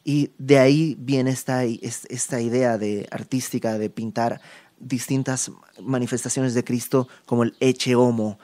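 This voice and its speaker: A man teaching a verse-by-verse Bible study, speaking emphatically and moving between raised and hushed passages, with conversational asides. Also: medium pitch, steady tone, unhurried. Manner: conversational asides and tag questions.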